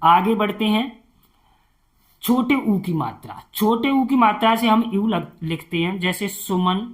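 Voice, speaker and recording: A tutor teaching beginners to spell names, talking slowly, repeating each word and answering his own questions. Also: high voice, expressive.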